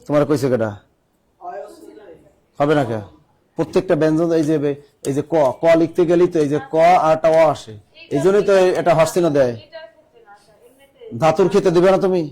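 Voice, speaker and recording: Guy teaching a class, kinda high voice, keeps repeating stuff and asking questions. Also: fairly quick, long pauses, warm tone. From Bangladesh. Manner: repeats key phrases, quizzes the class. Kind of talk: classroom lecture.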